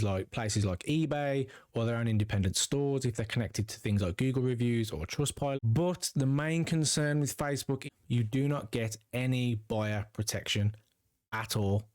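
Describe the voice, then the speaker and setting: A man's voice: mid-range voice, darkish tone, no echo, studio quality. A man hosting a card-collecting channel, talking casually and upbeat straight to his viewers. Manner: chatty, upbeat, addresses viewers directly. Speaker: trading card channel host. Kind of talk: casual video commentary to viewers.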